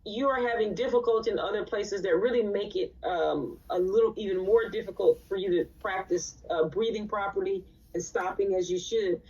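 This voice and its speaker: A woman's voice: medium pitch, moderate pace, hardly any pauses, a little mellow, husky. A woman teaching a live recitation class in a conversational way, often checking in with her students. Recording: distant, dull lo-fi sound.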